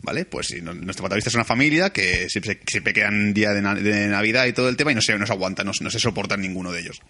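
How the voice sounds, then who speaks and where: A man with a Spain Spanish accent chatting casually about a film as a podcast co-host, animated and swearing freely. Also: on the low side, quick pace. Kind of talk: casual film review chat.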